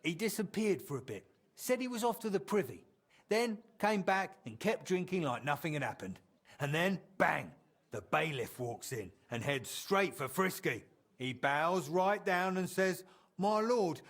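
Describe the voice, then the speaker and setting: In this video game scene, an actor gives a chatty medieval townsman a high, exaggerated voice. He spins animated, colloquial tales of old times, fondly remembering a drinking companion and performing each quote.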